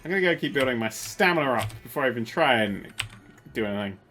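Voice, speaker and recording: A man's voice: mid-range voice, lively intonation, quick pace, pushed and bright. A man hosting a casual gaming livestream, joking, swearing and trying out silly accents. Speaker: streamer and host.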